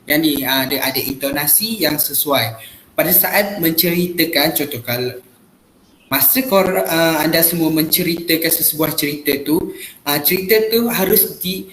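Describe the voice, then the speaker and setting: A man's voice: on the high side, moderate pace, fairly bright tone, echoey room, slight background noise, low-quality recording. A man playing a teacher, explaining patiently with lots of filler sounds. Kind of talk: classroom role-play lesson.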